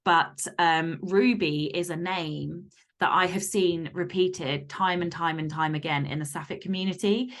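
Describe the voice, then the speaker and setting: A woman fiction author, appearing as a podcast guest in a casual interview, explains things candidly, informally and in detail. Her voice is lowish, her intonation fairly even, and she is unhurried.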